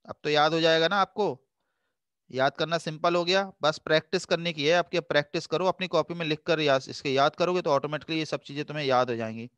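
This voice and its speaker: A man teaching a math revision lesson, patiently coaxing his students and slowing down to read formulas and questions aloud. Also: fairly high pitch, fairly bright tone, clean tone, dry recording, muffled recording.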